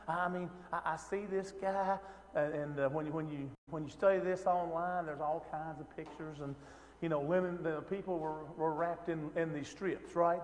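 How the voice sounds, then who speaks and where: A man's voice: fairly high pitch, long reverb tail. Chatty man teaching a Bible class. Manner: conversational, many rhetorical questions and fillers. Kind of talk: informal Bible lesson.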